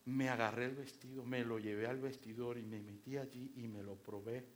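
A man's voice: medium pitch, fairly even intonation, normal speed, pitched below the performer's own voice, lightly acted. A man voicing a giddy wife who gushes coyly about a dress she could not resist. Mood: gushing. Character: giddy wife confessing a shopping splurge.

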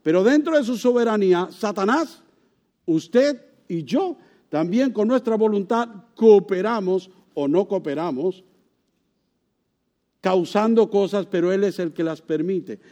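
A male pastor preaching a sermon, throwing rhetorical questions to the congregation and swinging widely in pitch and loudness for emphasis. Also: expressive, measured pace.

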